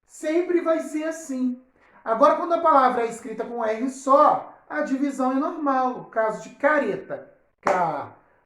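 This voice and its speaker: A woman teacher gives a lesson to children, saying example words slowly and checking often that they understand. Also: high voice, animated, fairly bright tone. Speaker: primary school teacher. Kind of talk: recorded online lesson. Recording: roomy, echoey recording.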